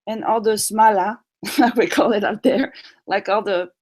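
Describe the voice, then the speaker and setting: A woman guest who grew up in Morocco, talking in a casual chat with many pauses and restarts. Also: mid-range voice, fairly even intonation, a little mellow, rough recording. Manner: hesitant, many ums and restarts.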